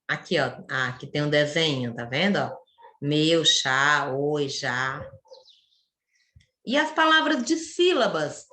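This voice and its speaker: A woman teaches young children online, breaking words into syllables slowly and patiently. Her voice is bright and rises and falls a lot as she guides them. The room around her is echoey. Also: on the high side. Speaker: primary school teacher. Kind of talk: online class lesson.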